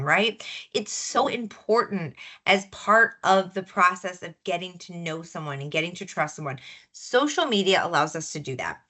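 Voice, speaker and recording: This is a young woman walking a group through marketing tools on screen. Her voice is bright and sits in a middle range. She talks in a chatty, upbeat way and keeps checking in with "right?". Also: mid-range voice. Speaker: marketing trainer for loan officers. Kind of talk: product demo walkthrough.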